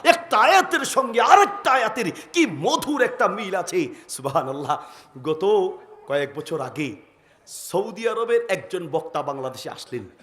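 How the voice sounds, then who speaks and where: A man from Bangladesh giving a humorous sermon, rhythmic and animated, often rising to a shout. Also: high-pitched, unhurried. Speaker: Islamic preacher.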